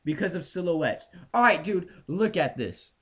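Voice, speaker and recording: A man's voice: sits high, animated, normal speed, fairly bright tone, slightly rough. A young man hosting a casual podcast, ranting with lots of swearing while reading items off a list. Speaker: podcast host.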